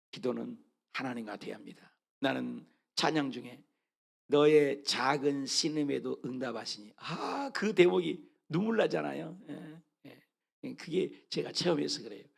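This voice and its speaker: Male pastor, sermon, high voice, gravelly fry, swings from fervent loud reading to soft asides. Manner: repeats phrases, asks the congregation questions.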